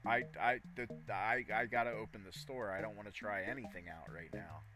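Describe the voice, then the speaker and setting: A man's voice: fairly low pitch, fairly even intonation, fairly quick, over music. A man giving casual, rambling live commentary as he plays a game, often talking to himself. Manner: rambling, talks to himself while playing. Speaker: gaming streamer.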